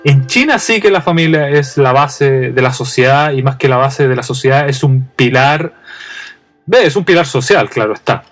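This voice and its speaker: A man's voice: medium pitch, lively intonation, normal speed, soft background music. A young adult man from Chile with a Chilean accent, hosting a casual storytelling monologue in a chatty, humorous way, full of restarts and fillers. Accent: Chilean Spanish. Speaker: podcast host.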